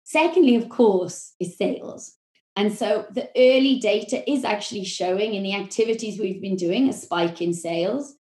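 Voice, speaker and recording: A woman with a Welsh accent, a marketing executive explaining her work in a podcast interview, measured and full of corporate phrasing. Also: mid-range voice, a little mellow, reverberant.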